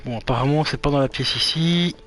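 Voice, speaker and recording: A man's voice: on the high side, a little fast, a bit bright, slight background noise. A man streaming a video game, muttering to himself and swearing as he searches around. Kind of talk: casual gaming commentary.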